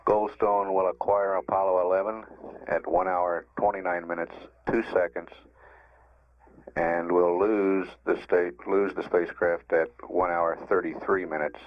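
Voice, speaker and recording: A man's voice: low voice, little pitch movement, unhurried, no echo. An American man giving matter-of-fact mission status commentary as a public affairs announcer. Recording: dull 1960s broadcast recording.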